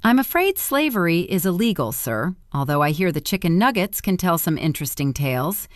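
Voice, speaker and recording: A woman voicing a sarcastic young woman working a bored fast-food shift, in a flat monotone, in a storybook reading. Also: fairly low pitch, no room sound, clean studio sound. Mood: dry monotone. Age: young adult.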